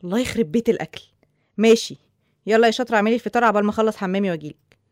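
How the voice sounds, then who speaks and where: A young woman with an Egyptian accent playing a bossy, teasing middle sister, over soft music. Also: medium pitch, rapid-fire, no room sound, clean studio sound, natural voice. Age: young adult. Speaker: college student sister. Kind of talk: radio drama acting.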